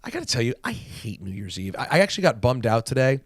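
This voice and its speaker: A man's voice: mid-range voice, very animated, fast talker, husky, dry recording, clean studio sound. A man co-hosting a podcast in casual chat, playful and argumentative, telling stories in between. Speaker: podcast co-host.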